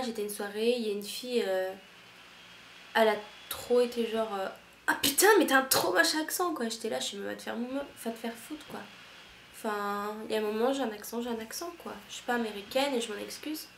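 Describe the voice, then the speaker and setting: A woman's voice: a little high, fairly even intonation, brisk, slight background noise. A young woman from France, an au pair, chatting frankly to camera in a rambling, slangy way with many restarts. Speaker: au pair vlogger. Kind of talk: casual chat to camera. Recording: echoey room with faint ambience.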